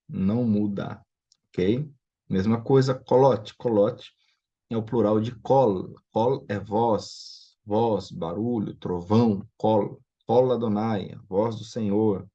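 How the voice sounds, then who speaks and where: This man's voice is lowish, warm, and slightly rough. As a Biblical Hebrew teacher in a recorded online lesson, he explains things patiently and keeps checking in with his students, all captured in dull lo-fi audio.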